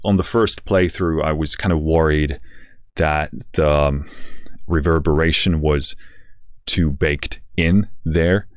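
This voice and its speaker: Very deep-voiced tired man, slightly slurred. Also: fairly even intonation, clean tone, dry recording, studio quality. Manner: halting, searching for words. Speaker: music software demonstrator. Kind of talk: casual product walkthrough.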